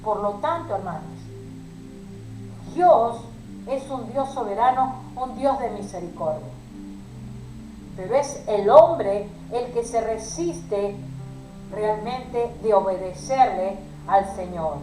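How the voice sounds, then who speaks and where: A woman's voice: medium pitch, lively intonation, takes it slowly, darkish tone, roomy sound, soft background music, rough recording. A woman preaching a sermon to a women's group, pleading and emotional, addressing her listeners as sisters.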